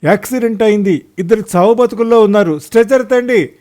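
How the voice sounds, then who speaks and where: A man voicing a desperate middle-aged farmer who shouts urgently in a raised, high voice. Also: extremely slow, vocal fry, full character voice. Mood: frantic shouting.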